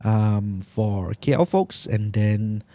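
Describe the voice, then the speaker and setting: A man's voice: lowish voice, animated, slow pace, dark tone, dry recording. Malaysian man hosting in slangy English. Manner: Malaysian English slang with particles like lah, meh and mah. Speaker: podcast host. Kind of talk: casual chat.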